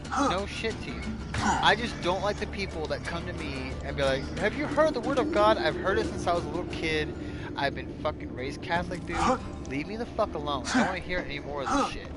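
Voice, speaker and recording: A man's voice: a little high, a little fast. A man chatting casually and ranting in a blunt way, swearing heavily. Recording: loud music behind the voice. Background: loud music.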